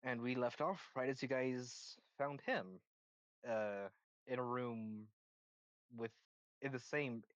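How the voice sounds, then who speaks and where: A man's voice: mid-range voice, takes it slowly, pauses often, no echo, highs cut off. A man running an online tabletop game as game master. He stops and restarts his sentences while he recaps.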